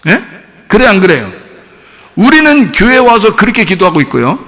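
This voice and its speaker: Animated pastor preaching in a reverberant hall. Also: male voice, high voice, normal speed. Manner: animated storytelling with mimicry and laughter. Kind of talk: sermon.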